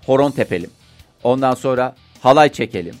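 A man co-hosting a casual morning radio show, talking through the news with many drawn-out fillers. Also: mid-range voice, lively intonation, soft background music.

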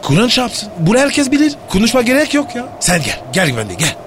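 An actor playing a cheeky young street hustler in a comic radio play, wheedling in slangy talk. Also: male voice, wildly swooping pitch, a little fast, heavily acted. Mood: coaxing. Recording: noisy background with rumble.

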